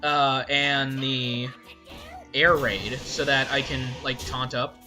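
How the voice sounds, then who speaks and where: A woman's voice: very deep voice, fairly even intonation, slow. A woman doing casual game commentary, playfully thinking aloud as she plays. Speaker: gaming host. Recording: faint game music behind.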